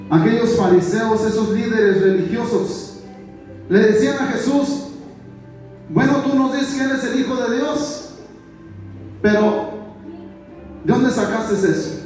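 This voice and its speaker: A man preaching a sermon as pastor, stretching out scripture quotes slowly and calling the listener "my brother". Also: sits high, a little mellow, faint music behind. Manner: preaching, repeatedly addressing "mi hermano"; slows down for emphasis on scripture quotes. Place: church. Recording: very echoey church hall, distant mic.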